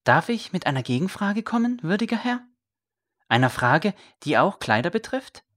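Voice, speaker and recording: A woman's voice: fairly low pitch, lively intonation, normal speed, pitched above the performer's own voice. A woman voicing a young man, a former royal scribe, zealous and defiant, speaking earnestly and fervently.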